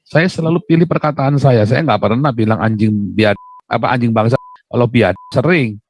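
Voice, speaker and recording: A man hosting a live call-in show, talking forcefully and animatedly and often cutting across his caller. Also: medium pitch, normal speed. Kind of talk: casual live talk.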